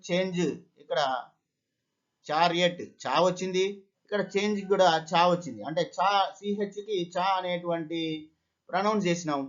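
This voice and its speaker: A man's voice: a little high, a bit bright. A man with a Telugu accent teaching an exam-prep phonetics lesson, explaining step by step and mixing English words into his talk. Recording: dull, lo-fi recording.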